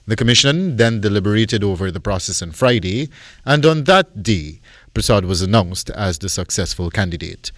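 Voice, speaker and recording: A man's voice: fairly low pitch, no echo, studio quality. A man with a Guyanese accent reading scripted narration as a news reporter.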